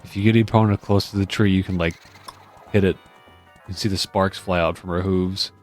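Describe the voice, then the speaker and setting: A man's voice: low voice, fairly even intonation, moderate pace, faint music behind. A man hosting a gaming video with informal, joking, casual gameplay commentary.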